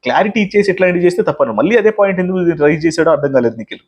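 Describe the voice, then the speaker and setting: A man reviewing a reality show, recapping contestants' arguments with emphatic commentary and quoting them in a lower voice. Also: animated, rapid-fire, husky.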